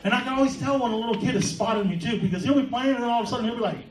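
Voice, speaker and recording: A man doing a stand-up comedy set, telling a rambling story full of "like" and shouting his punchlines. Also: extremely high pitch, rapid-fire, a little hiss or hum. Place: comedy club stage. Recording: echoey club, far mic, audience laughter.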